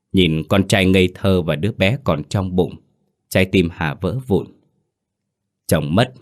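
A man narrating a dark folk tale in a solemn, dramatic storytelling manner. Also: low-pitched.

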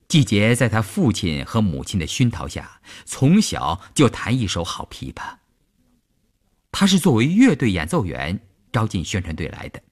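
A man reading a long story aloud as narrator, with an expressive, dramatic delivery. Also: lowish voice.

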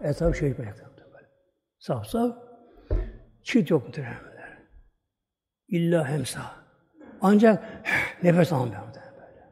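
A man's voice: a little high, dark tone. A male preacher delivering a sermon, telling a story dramatically and repeating phrases for emphasis. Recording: long hall reverb.

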